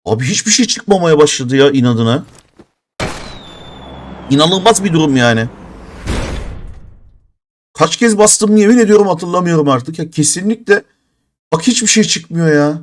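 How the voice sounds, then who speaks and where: A man's voice: a little high, lively intonation, normal speed, pauses often, slight background noise. Exasperated streamer man in his thirties. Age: 30s. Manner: frustrated, exasperated, swearing in bursts. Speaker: mobile game streamer. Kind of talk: live game stream commentary.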